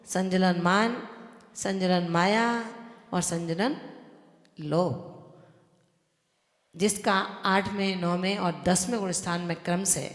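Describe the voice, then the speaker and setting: Jain nun preaching in an echoey hall. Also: female voice, medium pitch. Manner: earnest, exhorting, explains with everyday examples. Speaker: Jain nun giving a sermon. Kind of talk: devotional sermon. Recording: echoey hall with long reverb.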